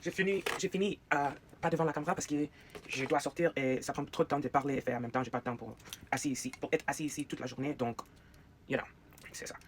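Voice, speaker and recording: Chatting casually in a get-ready-with-me video, an American vlogger who speaks English as a first language pauses haltingly and tucks in English fillers. Their mid-range voice holds a steady tone over slight background noise.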